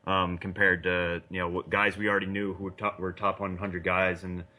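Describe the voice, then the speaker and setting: A man's voice: low voice, little pitch movement, normal speed, sharp tone. A man co-hosting a sports podcast, giving casual analysis in an easygoing, slightly hesitant explanatory way. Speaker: podcast co-host and baseball analyst.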